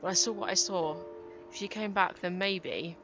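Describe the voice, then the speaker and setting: A woman's voice: mid-range voice, lightly acted. Woman reading as a grieving young detective. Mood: somber. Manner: somber inner monologue, read aloud haltingly. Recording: game music behind.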